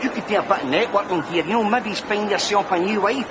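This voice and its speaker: An actor playing a crude cheeky Glaswegian pal. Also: male voice, sits high, fast, background noise, close to an everyday voice. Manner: leering, wisecracking, mock-consoling. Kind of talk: TV sitcom acting.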